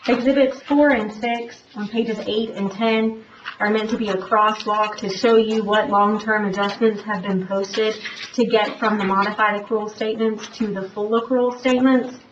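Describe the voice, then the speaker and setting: A woman's voice: mid-range voice, fairly even intonation, normal speed. A woman speaking through a face mask, giving a formal report presentation as an auditor. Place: public board meeting room. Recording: echoey room, distant mic, dull, faint noise.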